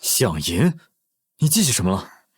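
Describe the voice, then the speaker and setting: An actor playing an indulgent, commanding emperor in a costume drama, with stately, measured speech and a husky voice. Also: male voice, on the low side, very animated, full character voice. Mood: concerned. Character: indulgent, commanding emperor devoted to his consort.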